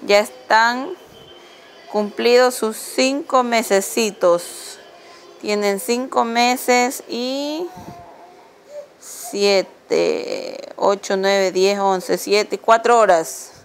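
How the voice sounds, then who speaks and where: A woman's voice: on the high side, extremely slow, slight background noise. A young woman filming her baby twins at home and talking to them in affectionate baby talk. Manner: coos at babies in baby talk. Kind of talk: home video vlog. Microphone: handheld camera.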